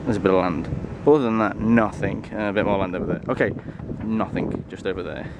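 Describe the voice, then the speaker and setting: A man's voice: low-pitched, fast talker, gravelly. A young man in his twenties casually vlogging to a handheld camera on the deck of a sailing ship, chatty and self-mocking. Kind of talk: casual self-filmed vlog. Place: deck of a tall sailing ship at sea, outdoors. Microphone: handheld camera at arm's length. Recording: loud wind noise on camera mic. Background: wind and sea.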